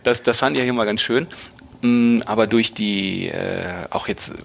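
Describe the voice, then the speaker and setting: Guy with a lowish voice hosting a chat, easygoing, lots of mhms. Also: normal speed, gravelly. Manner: conversational, frequent affirming murmurs. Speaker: podcast host, interviewer. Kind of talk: casual interview talk.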